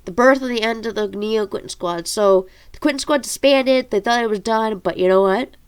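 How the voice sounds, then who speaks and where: An amateur author reads her own fantasy story aloud as an audiobook, her nose congested and stuffed from allergies. Her voice is fairly high and smooth at a moderate pace, and the informal reading stumbles over words now and then.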